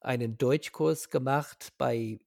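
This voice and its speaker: A man's voice: mid-range voice, slow, gravelly, a little mellow, no room sound, studio quality. A man from Ireland with an Irish accent, speaking German in a casual interview as a guest, hesitant, with many fillers and restarts.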